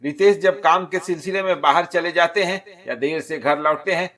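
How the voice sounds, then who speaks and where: A man's voice: fairly high pitch, normal speed, voice pushed up, natural voice. A man voicing a caring young married woman who earnestly advises her friend like an elder sister, in a storybook narration. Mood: wistful. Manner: earnest, persuading, gently scolding.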